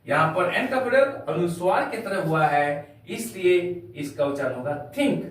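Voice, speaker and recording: A man's voice: high voice, lively intonation, normal speed. A man teaching a spoken English lesson, spelling out words letter by letter and addressing viewers as dear children. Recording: echoey room, voice from far off the mic.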